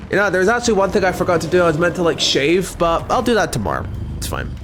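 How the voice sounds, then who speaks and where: A man's voice: high-pitched, very animated, fast, background noise. A young man streaming a game, chatting casually in a rambling, talkative way. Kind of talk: casual gameplay commentary.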